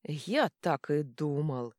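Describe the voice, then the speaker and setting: Rich: A giant brawny troll from a storybook, cheerful and stubborn, who talks slowly and bluntly, as a woman puts him on. The voice is low and dark, close and dry. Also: no room sound, close to an everyday voice. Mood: triumphant. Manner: slow, blunt and deliberate.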